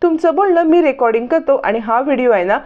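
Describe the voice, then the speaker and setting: A young husband coaxing and insisting that his wife speak up, read out by a woman narrator. The voice sits a little high and comes through a dull, lo-fi recording. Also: expressive, fast talker, darkish tone.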